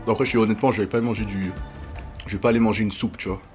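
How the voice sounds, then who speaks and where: A young man chatting in a casual vlog shortly after having his wisdom teeth out, speaking normally and telling things in slangy, animated bursts with little sound-effect words. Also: on the low side, very fast, faint music behind. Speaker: vlogger.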